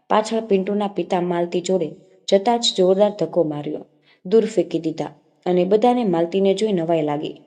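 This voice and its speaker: A woman narrates a ghost tale as a storybook reading. Her voice is dark and mellow, and her pitch sits in the middle of the usual range. She keeps the same steady telling voice throughout.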